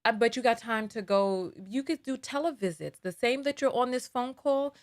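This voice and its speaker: A woman's voice: on the high side, normal speed. Earnest woman host asking probing questions. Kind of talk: call-in advice show.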